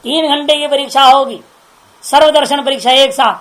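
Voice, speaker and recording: A woman's voice: high-pitched, steady tone, moderate pace, low-quality recording. A woman spiritual teacher giving an informal religious discourse, chatty and laughing, often checking with listeners through rhetorical questions.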